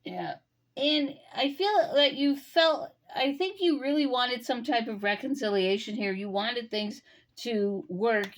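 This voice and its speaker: Musing higher-voiced woman tarot reader. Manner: musing, speaks straight to the listener with many "um"s and pauses. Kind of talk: intuitive tarot reading.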